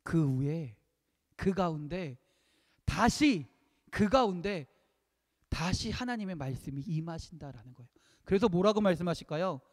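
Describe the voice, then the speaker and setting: A man preaching a sermon, emphatic, repeating key phrases and swinging between loud peaks and hushed lines. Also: on the high side, expressive, unhurried, long pauses. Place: church sanctuary. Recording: long reverb of a church hall.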